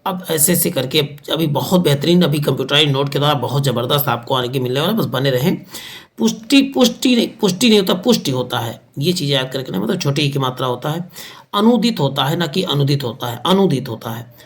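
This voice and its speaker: A man teaching an online exam-prep lesson with an energetic, emphatic delivery, often repeating words for emphasis. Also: medium pitch, fast talker. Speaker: Hindi grammar teacher.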